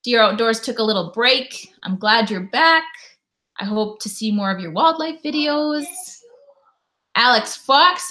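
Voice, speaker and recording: Reading viewer comments out loud, a thirtysomething Canadian woman chats casually on a live stream she runs from home. Her voice is pitched high and has a sharp edge.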